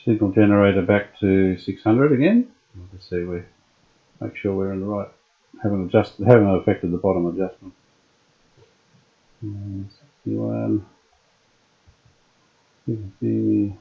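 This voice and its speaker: Talking through an old radio restoration, an Australian man speaks slowly in a gravelly voice on the low side, pausing often. He thinks aloud easily, with frequent fillers, and the lo-fi workshop audio sounds dull.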